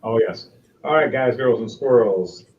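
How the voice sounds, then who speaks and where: A man's voice: medium pitch, measured pace, darkish tone. A man hosting and running a tabletop role-playing game as game master, talking in a loose, rambling way with fillers. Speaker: game master and head host. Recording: roomy, dull, faint hiss.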